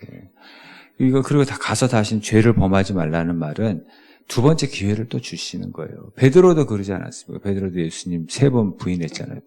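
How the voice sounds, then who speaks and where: A male pastor delivers a sermon in a relaxed, conversational way and keeps putting questions to his listeners. His voice is low and mellow with a gravelly edge, and its pitch swings widely. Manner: conversational, asks the congregation rhetorical questions.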